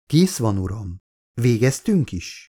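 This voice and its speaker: A man's voice: on the low side, big pitch swings, mellow. David, a velvety, composed male android, voiced by a man. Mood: calm. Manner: smooth, composed, courteous. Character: calm, polite male android servant.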